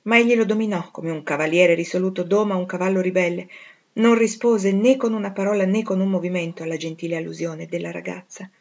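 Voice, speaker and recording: A woman narrating a classic novel in a measured, expressive reading, on a dull lo-fi recording. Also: lowish voice. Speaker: audiobook reader. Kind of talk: literary audiobook narration.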